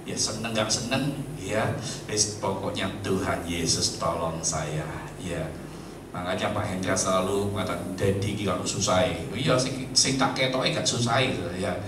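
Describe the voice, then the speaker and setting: Jokey preacher in an echoey hall. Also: male voice, a little slow. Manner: jokey, mixes in Javanese, swings between loud and low. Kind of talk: humorous church sermon. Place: church hall. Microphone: handheld mic with battery trouble. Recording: echoey hall, mic far off, noisy.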